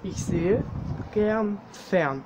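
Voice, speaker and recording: A man's voice: high-pitched, expressive, drawn-out words, a little mellow, slight background noise, rough recording. A man with a French accent giving a casual, jokey language lesson, full of fillers and self-corrections. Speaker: German teacher.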